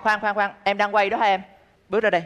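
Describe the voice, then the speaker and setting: A man's voice: sits high, flat delivery, fast, a bit bright, in a large hall. A man playing a vain celebrity who stages a charity gift for the camera, pleading in a theatrical, melodramatic way. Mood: bossy. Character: vain showy male celebrity faking charity, whiny. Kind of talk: comedy sketch acting. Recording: stage show with music and audience.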